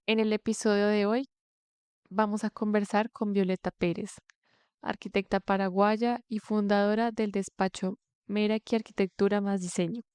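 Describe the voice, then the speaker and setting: A woman interviewer reading the episode introduction in a measured, scripted way. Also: medium pitch, a little mellow, clean tone, dry recording, clean studio sound. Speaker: podcast interviewer. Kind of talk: read introduction.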